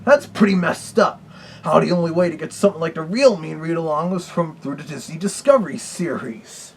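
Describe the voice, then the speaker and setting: A man voicing a boastful cartoon wolf villain who reviews old read-alongs, chatting in a gravelly, chuckling way. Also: on the high side, lively intonation, brisk, a little hiss or hum. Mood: indignant. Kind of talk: comedic character review.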